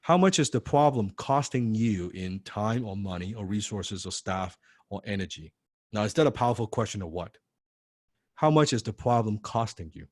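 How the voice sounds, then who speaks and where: A man teaching a sales training class, lively and full of rhetorical questions, acting out what prospects say. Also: lowish voice, moderate pace, no room sound, clean studio sound. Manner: animated, acts out prospect replies, rhetorical questions. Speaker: sales coach.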